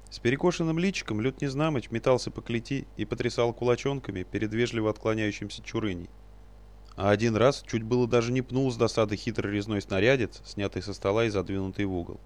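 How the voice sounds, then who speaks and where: A man reading a story aloud with expressive narration. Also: on the low side, fast. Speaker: audiobook reader.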